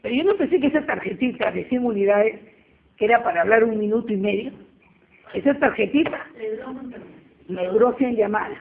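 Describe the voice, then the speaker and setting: A woman, giving a lively church testimony and acting out the dialogue as she tells it. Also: fairly high pitch, fairly quick, gravelly, long pauses. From Peru. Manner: animated storyteller acting out dialogue. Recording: tinny phone-like line with faint noise.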